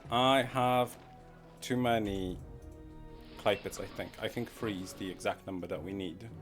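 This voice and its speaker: Over background music, a man with a lowish, fairly even voice comments a little slowly while live-streaming a game. He rambles casually, muttering to himself and laughing at his own puns.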